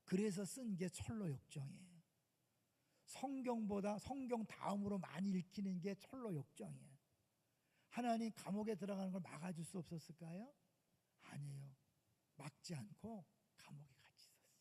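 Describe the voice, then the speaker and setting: A male pastor preaching in a church sanctuary, his high voice mellow and gravelly. He swings from loud emphatic outbursts down to hushed asides, and long reverb trails each phrase. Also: expressive, moderate pace. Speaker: senior pastor. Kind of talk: sermon.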